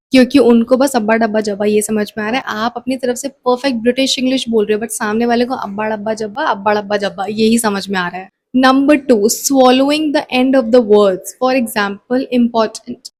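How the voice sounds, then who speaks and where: Young Indian woman, lively cabin-crew tutor; slightly high voice, unhurried, stressed delivery. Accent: Indian English. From Delhi, India. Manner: energetic, emphatic, switches often between English and Hindi. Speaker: English teacher and cabin crew member. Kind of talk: bilingual spoken-English lesson.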